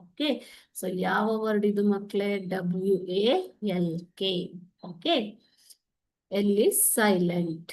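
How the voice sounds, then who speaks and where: A brisk woman with a Kannada accent, teaching a lesson at a quick clip. She explains patiently, stressing each word one by one, and her voice sits at an ordinary middle height. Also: medium pitch, animated, a little mellow.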